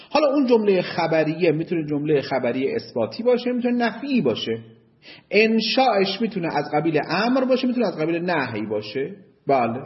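A man teaching a seminary class, his pitch rising and falling a great deal as he explains. The sound is dull and lo-fi. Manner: slow deliberate reading of Arabic text, then lively asides. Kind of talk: lecture on Islamic jurisprudence.

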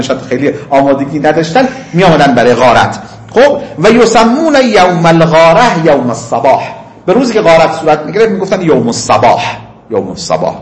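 A man giving a seminary lecture, reading Arabic passages slowly and then explaining them in casual, conversational speech. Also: on the high side, echoey room. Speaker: religious teacher.

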